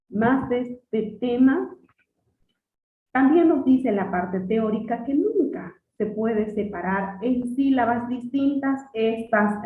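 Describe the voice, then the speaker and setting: A woman teacher giving a classroom lesson, patiently quizzing her students and repeating key words slowly. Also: fairly high pitch. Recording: distant echoey phone-like sound.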